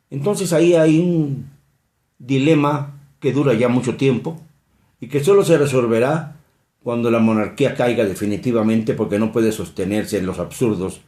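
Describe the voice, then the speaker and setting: A Mexican man giving an emphatic, indignant commentary monologue, jumping sharply in pitch on key phrases. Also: warm tone. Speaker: political commentator. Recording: roomy echo.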